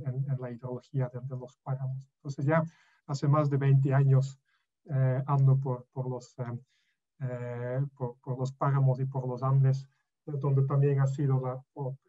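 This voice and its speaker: Lecturing online from home, a middle-aged professor from Belgium speaks in a warm, medium-pitched voice; he isn't a native speaker, and Spanish isn't his first language. The webcam gives dull, lo-fi video call sound, and his delivery halts with frequent fillers and restarts.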